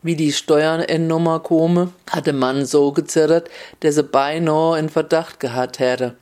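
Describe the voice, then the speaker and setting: A storyteller with a narrates a comic folk tale in a relaxed, wry manner. The voice sits at a middling pitch and moves at an unhurried, even pace.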